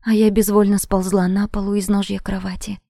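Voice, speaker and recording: A woman narrates a first-person romance audiobook with a breathy, intimate delivery that often sinks into a whisper. Her voice is mellow with a gravelly edge. The recording sounds close and dry. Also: mid-range voice, flat delivery, fairly quick, dry recording.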